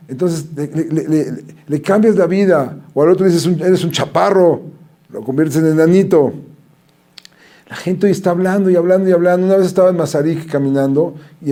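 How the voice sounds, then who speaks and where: A man delivers a rabbi's Torah lecture. His voice sits somewhat high but sounds warm and mellow. He tells his stories with animation and slips into the voices of the people he quotes.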